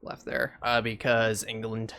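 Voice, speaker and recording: A young man chatting casually over his game speedrun, joking at his own expense. His voice is bright and forward, with a faint hiss in the background. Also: lowish voice, completely flat delivery, measured pace. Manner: joking, self-deprecating. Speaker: speedrunner streamer. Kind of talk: casual gameplay commentary.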